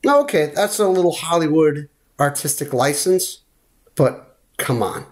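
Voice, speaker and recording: A man's voice: on the high side, expressive, unhurried. A man co-hosting a pop culture podcast, talking in a rambling, opinionated way. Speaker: podcast co-host. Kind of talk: casual chat.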